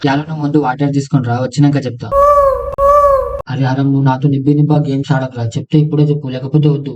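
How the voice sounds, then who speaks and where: A man's voice: mid-range voice, little pitch movement, rapid-fire, dull audio, very noisy. A man voicing crude, rowdy banter between friends in a comic cartoon. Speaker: cartoon comedy voice artist.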